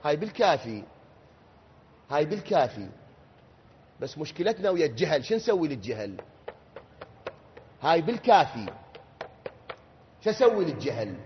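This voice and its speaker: A high-voiced Iraqi man delivers a mourning sermon, sliding from hushed, low remarks to loud, wailing cries. He drags quoted words out slowly. The recording is muffled, and long reverb from a large hall trails each phrase. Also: very animated, slightly rough. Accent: Iraqi Arabic. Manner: swings from low quiet talk to loud shouted wailing. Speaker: preacher. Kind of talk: Shia mourning sermon from the pulpit.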